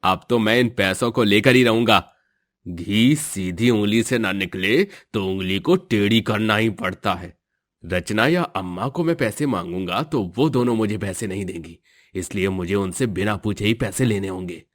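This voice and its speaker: A man voicing a drunk, greedy and violent husband in an animated story, sneering and threatening. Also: on the low side, moderate pace, lightly acted. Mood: scheming.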